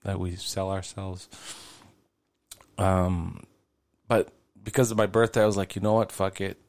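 A man in his late forties talks straight to his listeners on a solo podcast, rambling and swearing as it comes. His voice sits very low and has a gravelly fry, and it is recorded close and dry. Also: steady tone, measured pace, darkish tone, no echo. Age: 40s. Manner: rambling, conversational, swears casually. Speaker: podcast host. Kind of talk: casual solo podcast monologue.

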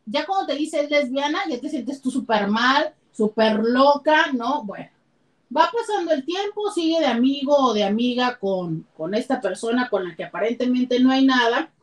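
A high-pitched woman with a Mexican Spanish accent hosts a casual advice talk about relationships. She is lively and chatty, and she acts out other people's lines with sudden leaps in pitch. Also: moderate pace. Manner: animated, slips into acted quotes with jumps in pitch. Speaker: host and relationship counselor.

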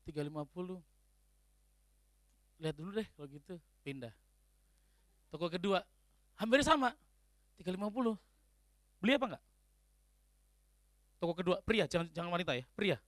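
A man giving a humorous sermon-style talk to a congregation, animated and joking, acting out the people he quotes. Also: very high-pitched, dry recording, clean studio sound. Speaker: speaker addressing a congregation.

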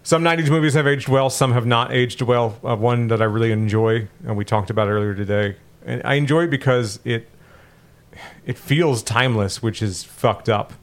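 A man's voice: mid-range voice, fairly even intonation, normal speed. A married man from the United States co-hosting a podcast, talking candidly and poking fun at himself in casual chat. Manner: candid, self-deprecating, laughs often. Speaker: podcast co-host.

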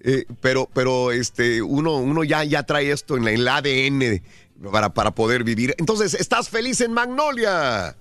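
A man from Mexico hosting a casual radio call-in show, animated and chatty, quick to agree with callers. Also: mid-range voice, dry recording, soft background music.

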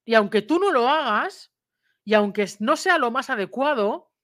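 A woman's voice: fairly high pitch, expressive, moderate pace, fairly bright tone. Woman explaining dog behavior casually. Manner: conversational, keeps checking in with "vale", explains step by step; imitates bite sounds and raises voice for emphasis. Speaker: dog trainer commenting on a video. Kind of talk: casual video commentary.

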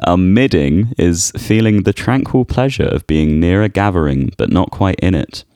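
A man's voice: low-pitched, normal speed, mellow, no room sound, clean studio sound. A man co-hosting a podcast, chatting casually and playfully, laughing easily. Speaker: podcast co-host. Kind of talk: casual chat.

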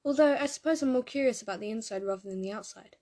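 A woman voicing a weary, dry-witted immortal male warrior in a storybook reading, who talks in an unhurried drawl. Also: fairly high pitch, warm tone, lightly acted.

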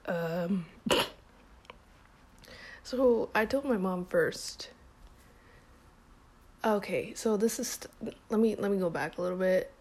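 Slow-talking young woman, casual storytelling. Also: mid-range voice. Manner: relaxed, heavy use of "like", frequent small laughs. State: feels a bit sick and hot. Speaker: vlogger.

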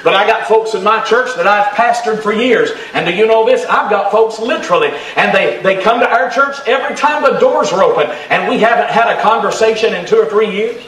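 A man preaching a revival sermon with a high, bright, ringing voice that rises to fervent shouts. He is picked up from a distance in an echoey church. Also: fairly quick, few pauses. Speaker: pastor.

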